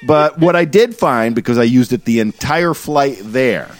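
A man's voice: mid-range voice, lively intonation, moderate pace. A man co-hosting a podcast, joking around and swearing freely in casual banter. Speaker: podcast co-host.

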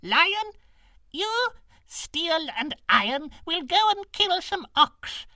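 A man's voice: very high voice, sing-song, takes it slowly, bright, forceful tone, no room sound, clean studio sound, pitched above the performer's own voice, full character voice. A man voicing a tiny, very old, wise and kindly woman in a storybook reading, giving fussy, precise directions. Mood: commanding.

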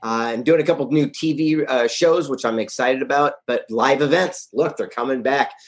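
A man speaking as an interview guest, his voice sitting in a middle pitch. He sounds upbeat and punchy, making his points in a blunt, casual way. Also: moderate pace. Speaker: guest, author and event founder. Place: Carlsbad, California.

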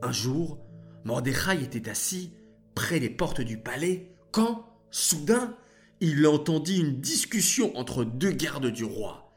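A man telling a story to children, speaking to them directly in an expressive way. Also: fairly high pitch, slow pace, soft background music.

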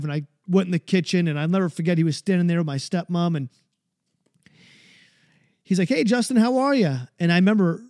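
A man in his forties with a high, mellow voice talks through his own story in an earnest, searching way. He often reaches for the right words. The sound is dry and close. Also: dry recording. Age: 40s. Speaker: speaker sharing his mental health story. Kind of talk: personal storytelling monologue.

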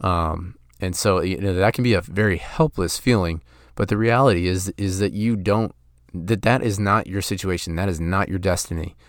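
Earnest and prone to restarting sentences and saying "you know," a thirty-something podcast host talks motivation. He speaks at normal speed in a low voice, with studio-quality sound and no room noise.

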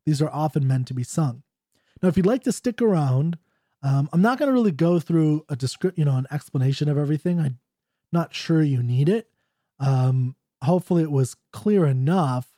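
Warm-voiced man explaining an old ballad. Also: on the high side, animated, moderate pace, no room sound, clean studio sound. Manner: chatty, full of "you know" and "right?"; reads old Scots verse in a mock Scottish accent. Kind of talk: casual explanation and poetry reading.

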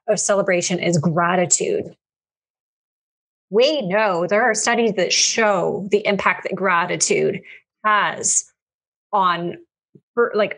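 Woman, podcast co-host, husky voice, earnest, emphatic casual chat. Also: medium pitch, fairly bright tone. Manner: earnest, emphatic, repeats key phrases. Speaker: podcast co-host, business coach.

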